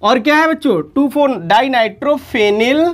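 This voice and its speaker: A woman's voice: sits high, normal speed. A woman chemistry teacher giving an online lesson, calling her students children and repeating each term for emphasis.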